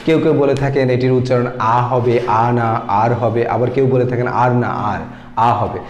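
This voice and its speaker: Man, language teacher, explaining pronunciation, code-switching, average pitch, roomy echo. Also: steady tone, fairly quick, muffled recording, faint music behind. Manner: teaching, mixing English words into his talk. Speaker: English teacher. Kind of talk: pronunciation lesson. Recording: echoey room.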